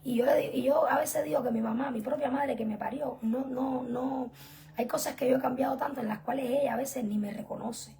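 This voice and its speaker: A young woman teaching an online religious class, earnest and emphatic, often dropping to soft whispered asides. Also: high voice, steady tone, fairly quick, gravelly. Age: young adult. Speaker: spiritual teacher.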